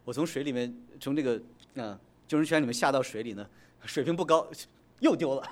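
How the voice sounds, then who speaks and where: A middle-aged male pastor telling a lively personal story in a sermon, dropping in English words and chuckling as he goes. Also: medium pitch, a little fast.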